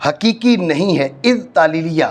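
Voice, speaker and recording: This Pakistani teacher speaks in a fairly high, animated voice over faint background music. His Arabic grammar lecture moves step by step, with points repeated and frequent checks that the class understands.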